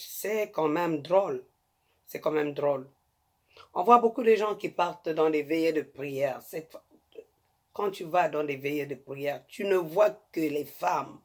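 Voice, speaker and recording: A woman hosting a talk show, giving marriage advice in an emphatic, repetitive way and speaking straight to her listeners. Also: fairly low pitch. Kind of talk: preachy talk-show monologue.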